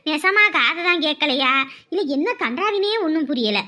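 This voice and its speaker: A woman's voice: sits high, expressive, moderate pace, sharp tone, voice pushed down. A woman voicing an impatient, nagging mother-in-law who keeps calling for her daughter-in-law. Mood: exasperated. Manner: nagging, exasperated.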